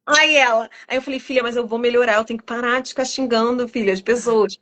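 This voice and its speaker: Woman psychologist, mom, kinda high voice, chatty podcast style, tells stories acting out who said what. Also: quick pace. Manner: lively storyteller who acts out remembered exchanges. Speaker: psychologist and mother. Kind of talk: casual podcast conversation.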